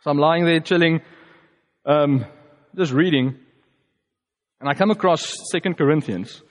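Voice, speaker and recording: A preacher with a South African accent, a native Afrikaans speaker, gives a reflective personal testimony. He speaks conversationally, halting and using fillers, in a fairly high pitch with a big-room sound.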